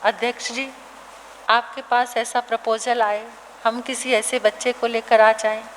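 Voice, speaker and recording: A woman nun preaches a storytelling sermon, slowly and emphatically, and repeats her phrases. Her voice sits high. A long hall echo and a faint hum lie behind it. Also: level tone. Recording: reverberant hall, faint background noise.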